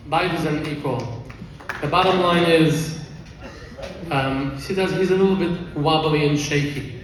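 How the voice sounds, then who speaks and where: Middle-aged man, fairly high voice, heartfelt rushed storytelling, echoey hall with the mic far away. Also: a bit bright, slight background noise. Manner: heartfelt, rushed storytelling sprinkled with Yiddish phrases. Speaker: event speaker. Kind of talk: emotional personal storytelling speech. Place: large event hall.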